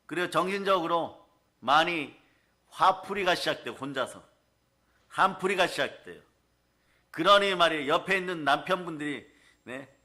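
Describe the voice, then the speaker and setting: A man's voice: a little high, normal speed, long pauses, sharp tone. A male pastor preaching a sermon, emphatic and repeatedly calling out to the congregation, slipping into acted asides as he tells stories.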